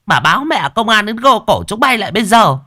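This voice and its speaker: A man's voice: sits high, sing-song, brisk, pushed and bright, no echo, clean studio sound, voice pushed up, full character voice. A man voicing a cranky old village woman who shrilly scolds gamblers at a funeral. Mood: scolding.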